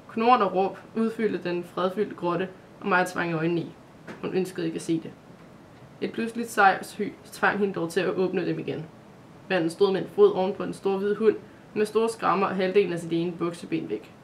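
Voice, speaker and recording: A reader narrating a dramatic fantasy Christmas calendar story for children, in a steady, scripted storytelling voice. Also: mid-range voice, slight background noise.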